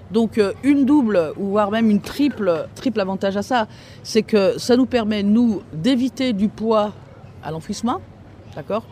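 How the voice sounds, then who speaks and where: A man with a notably high voice explains a street book-sharing project while standing outdoors, faint traffic around him. He speaks haltingly, with constant fillers and tag questions. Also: a little mellow. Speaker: recycling centre staff member. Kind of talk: explaining on-site to an interviewer.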